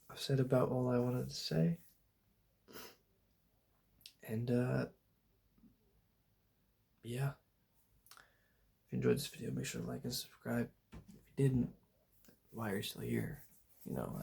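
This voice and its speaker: A young man talking softly in a loose, meandering ASMR ramble, laid-back and full of fillers. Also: mid-range voice, vocal fry, breathy edge. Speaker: ASMR channel host. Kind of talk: soft-spoken ASMR rambling.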